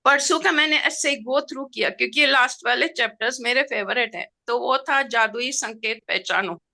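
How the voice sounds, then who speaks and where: A middle-aged woman recounts a personal experience with open feeling and plenty of expression. Her voice sits a little high, with a bright, forceful edge. Now and then she slips English words into her speech. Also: normal speed, gravelly. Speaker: participant sharing a personal experience. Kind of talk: emotional personal storytelling.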